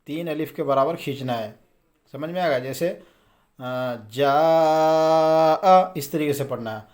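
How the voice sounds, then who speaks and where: Male Quran reading tutor, patient and chatty, self-answering questions, drawn-out example words. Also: mid-range voice. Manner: patient, asks and answers his own questions, drawls example words slowly. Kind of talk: casual spoken lesson.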